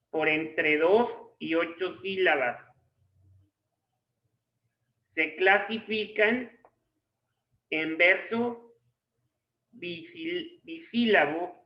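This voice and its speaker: A man teaching a literature class, reading his notes slowly in short phrases as if dictating to students. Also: high-pitched. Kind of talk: slow dictated lecture. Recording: echoey room, dull lo-fi sound.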